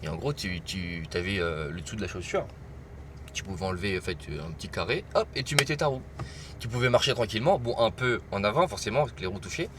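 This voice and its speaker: On the low side and animated, this young French truck driver speaks fast over background noise. He's recording himself at a cold, windy outdoor truck stop, chatting loosely and slangily to viewers in a casual vlog.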